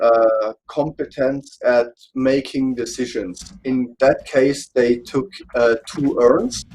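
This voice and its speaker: A native German speaker from Austria, with an Austrian German accent, discusses psychology on a casual online panel, pausing frequently as he hunts for words and consults his notes. His mid-range voice is husky with a darkish tone, and the recording is rough.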